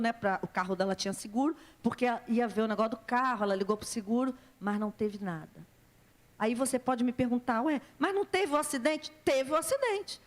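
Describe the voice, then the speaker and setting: A middle-aged woman pastor, preaching a sermon and telling a story, acting out the voices of the people she quotes. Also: on the high side. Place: church hall.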